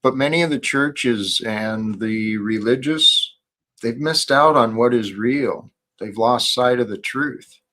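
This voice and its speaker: A man's voice: mid-range voice, takes it slowly, sharp tone, a little hiss or hum. A man hosting an earnest spiritual discussion in a preachy, emphatic way. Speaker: host of a faith discussion.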